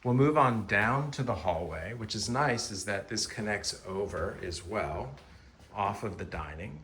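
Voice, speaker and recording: A man's voice: on the low side, expressive, measured pace, a bit bright. A man speaking as a real estate agent on a walk-through home tour, with polished, appreciative sales talk about each feature. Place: indoors, walking through rooms of a house. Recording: echoey rooms with faint background noise.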